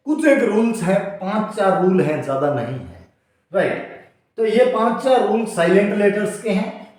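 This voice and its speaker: A man teaching a lesson, explaining step by step and spelling out example words. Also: high-pitched. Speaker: English teacher. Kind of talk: spoken classroom-style lesson. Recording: very echoey room.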